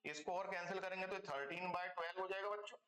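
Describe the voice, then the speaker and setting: A man's voice: high-pitched, fast, fairly bright tone, reverberant. A man teaching a math class online, explaining step by step and checking in with his students again and again, calling them kids. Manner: calls students "beta" and "bachcho".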